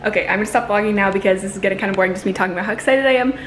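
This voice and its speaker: A young woman chatting casually in a vlog with a bubbly, excitable sorority-girl manner, using lots of "like" and emphatic repeats. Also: mid-range voice, rapid-fire. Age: young adult. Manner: frequent "like" and "literally". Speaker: vlogger. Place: small indoor rooms, bathroom and bedroom. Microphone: camera at arm's length. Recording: noisy handheld camera audio.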